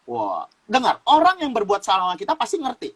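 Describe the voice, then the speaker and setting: A man from Sumatra talks like a lively preacher in a relaxed chat. His voice is husky, and his pitch swings widely as he repeats his points. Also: fast, rough recording. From Sumatra, Indonesia. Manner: lively preacher-style explaining with laughs and repeated phrases. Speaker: guest youth speaker.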